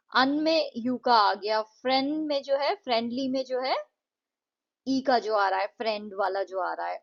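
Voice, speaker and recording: A woman with an Indian accent teaching an English lesson in an explanatory way. She reads the English lines slowly and deliberately, then explains them more quickly. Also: fairly high pitch, gravelly. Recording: dull lo-fi recording.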